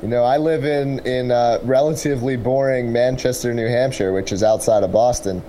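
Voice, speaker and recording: A man giving casual, explanatory interview answers as a tech startup representative, pausing to pick his words. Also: medium pitch, fairly even intonation, warm tone, a little hiss or hum.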